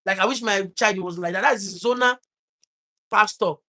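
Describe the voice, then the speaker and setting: A Nigerian man speaks in a fairly high voice, telling a personal story straight to the camera. His delivery is earnest and halting, full of restarts and repeated words. He sounds like he is trying hard not to cry. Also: pushed and bright. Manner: holding back tears.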